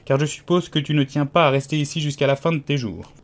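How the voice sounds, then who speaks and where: Audiobook figure: a haughty, lecturing egg man, read by a man, slightly high voice. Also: steady tone, fast talker, close to an everyday voice. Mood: smug. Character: pompous, condescending giant egg man. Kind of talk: audiobook character reading.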